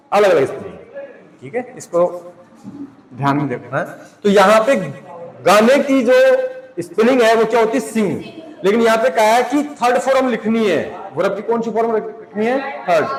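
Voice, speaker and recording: High-voiced man teaching in an echoey hall. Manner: asks students questions and answers them himself; spells out English words letter by letter. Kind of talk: classroom grammar lesson. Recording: echoey room with long reverb.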